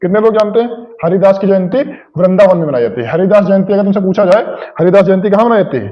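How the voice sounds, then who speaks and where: In dull audio, a male coaching teacher with a high voice talks fast through a classroom lecture full of memory tricks. He is repetitive, going over key points again and again while answering the questions he asks.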